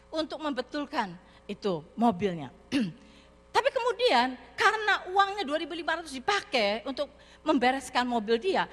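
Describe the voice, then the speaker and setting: Woman preacher, sermon, animated storytelling, long hall reverb. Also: high-pitched. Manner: animated, addresses the congregation directly. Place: church hall.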